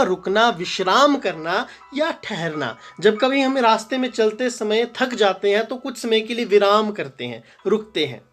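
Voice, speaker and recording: A man's voice: high voice, fairly bright tone. A man teaching a grammar lesson, asking and answering his own questions and repeating the example sentences with emphasis.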